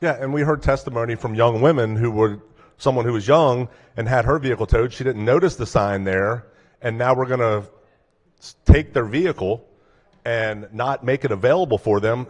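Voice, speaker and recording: A man's voice: mid-range voice, a little fast. A man speaking as a senator, questioning a colleague in conversational floor debate. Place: legislative chamber. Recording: long hall reverb.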